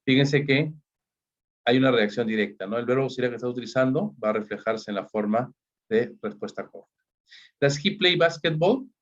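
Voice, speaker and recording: A man with a Peruvian Spanish accent teaching an English grammar lesson, who keeps checking in with "ok?" and says the English examples slowly. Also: mid-range voice. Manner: checks in constantly with "¿ok?" and "¿no?". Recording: dull lo-fi recording.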